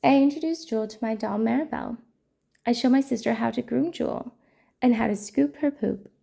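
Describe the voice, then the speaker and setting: A woman hosting a storytime channel, reading a children's picture book aloud in a gentle, playful way. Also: on the high side, brisk, gravelly, breathy edge. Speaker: storytime host.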